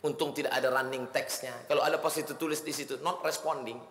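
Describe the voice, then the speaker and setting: A man preaching a sermon in a lively storytelling way, with humor and chanted Arabic phrases. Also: medium pitch, quick pace, noisy background. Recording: echoey hall.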